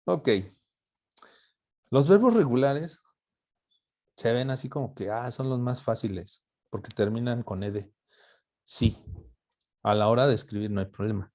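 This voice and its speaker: A man teaching an English grammar lesson, joking with his students and sounding out English words slowly. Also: medium pitch, darkish tone. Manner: spells out English pronunciation slowly.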